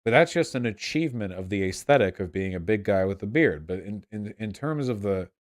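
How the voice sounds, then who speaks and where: Low-voiced young man, tipsy and rambling. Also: lively intonation, brisk. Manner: tipsy, drunken rambling with repeated, restarted phrases. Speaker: livestream host answering chat. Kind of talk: casual rambling livestream talk.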